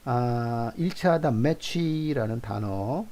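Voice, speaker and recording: A man giving an English lesson, slowly repeating and drilling example sentences for his students. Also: mid-range voice, lively intonation, mellow. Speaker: English teacher. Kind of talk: classroom lecture.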